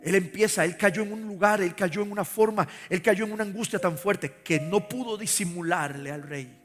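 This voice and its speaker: A man's voice: high-pitched, normal speed, a bit bright. A man preaching a live sermon in a church, fervently urging the congregation to repeat after him. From Costa Rica. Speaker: pastor. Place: large church sanctuary. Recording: reverberant hall with faint music.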